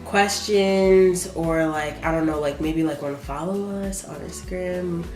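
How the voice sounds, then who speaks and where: A young woman with a notably low voice chats casually over breakfast, rambling along and leaning on "like" constantly. The room sounds roomy and echoey, with faint music playing behind her. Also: a little slow, darkish tone. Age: young adult. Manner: rambling, heavy use of "like". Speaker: co-host. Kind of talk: casual chat while eating.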